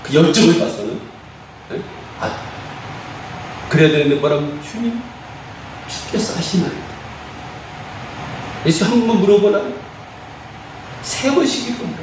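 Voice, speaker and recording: A male pastor delivers a sermon in a high, animated voice that rises and falls widely. He keeps asking the congregation rhetorical questions and acts out the prayers he quotes. The sound comes from a distance in a very echoey hall with faint room noise behind it. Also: normal speed, long pauses.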